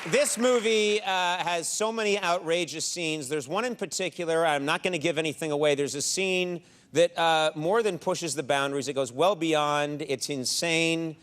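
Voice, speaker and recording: A man's voice: on the high side, moderate pace, hardly any pauses, a bit bright. A male talk show host interviewing a guest, eagerly setting up his questions.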